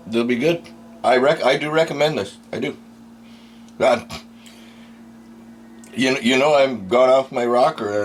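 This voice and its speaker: A man's voice: mid-range voice, a little hiss or hum. A man giving a casual, unscripted food review in blunt, crude, rambling, drunken-sounding talk, swearing constantly.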